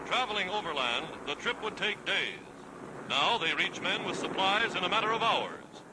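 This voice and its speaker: A man's voice: sits high, lively intonation, normal speed, noisy background. A man narrating a 1940s newsreel in a dramatic, declamatory, scripted style. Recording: vintage 1940s newsreel soundtrack, loud music. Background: loud music.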